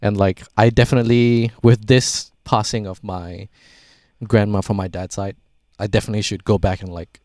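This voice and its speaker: A man's voice: on the low side, fairly even intonation, normal speed, a little mellow, no echo, studio quality. Laid-back podcast guy. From Singapore. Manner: rambling, swears freely, frequent "like". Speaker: podcast host. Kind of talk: casual podcast chat.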